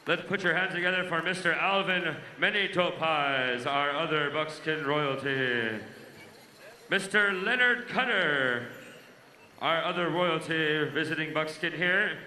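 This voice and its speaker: A man working as a powwow emcee, announcing introductions and calling people up with drawn-out names. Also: a little high, bright, forceful tone. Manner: announcer-like, drawn-out names, honoring dancers and guests. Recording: echoey sound system, faint background noise.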